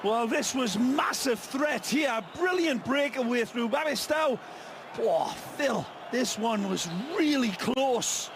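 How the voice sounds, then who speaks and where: A man's voice: extremely high pitch, lively intonation, takes it slowly. A man giving colourful, flowery analysis as co-commentator on a live football match. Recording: loud stadium noise behind. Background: football stadium crowd.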